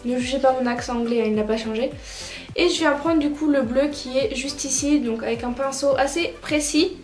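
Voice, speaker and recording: A woman narrating a makeup tutorial as a vlogger, chatty and relaxed with lots of filler words. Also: sits high, normal speed. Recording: roomy echoey room, faint music.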